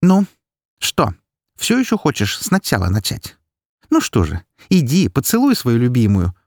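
Man doing a scorned young woman, harsh and raised in pitch, husky edge, audiobook. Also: very animated, a little fast, no room sound, clean studio sound. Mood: venomous, mocking. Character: bitter angry young woman, scorned girlfriend. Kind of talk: audiobook dialogue.

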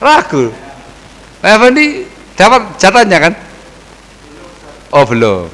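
A man, a religious teacher answering questions in a casual study session, lively and acting out the people he quotes. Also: high-pitched, slow pace, big-room sound, poor audio. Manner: lively, mixes Javanese phrases, acts out quoted people.

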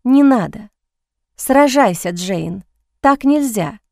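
A woman's voice: on the high side, lively intonation, slow, vocal fry, darkish tone, no echo, clean studio sound, heavily acted. A woman voicing a young heroine in an audiobook, breathless and pleading, torn against herself. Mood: desperate. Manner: breathless, pleading, self-reproaching.

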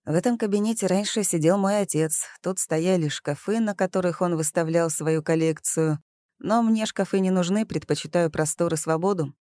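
Brief: female narrator doing a cool, arrogant young man in an audiobook, smug and teasing, low dark tone. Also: moderate pace, lightly acted.

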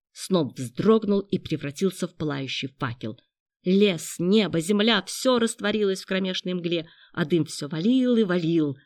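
Audiobook narrator, dramatic tense reading, mid pitch, dry studio sound. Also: no echo.

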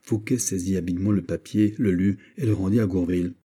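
Low, dark-voiced male narrator. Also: steady tone, fairly quick, husky. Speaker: audiobook narrator. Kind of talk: scripted narration of a classic novel.

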